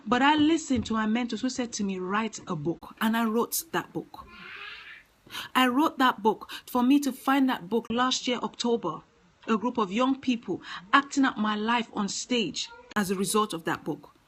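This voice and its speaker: A woman's voice: a little high, animated, moderate pace, low-quality recording. A woman giving an earnest motivational talk, speaking emphatically and repeating her key phrases.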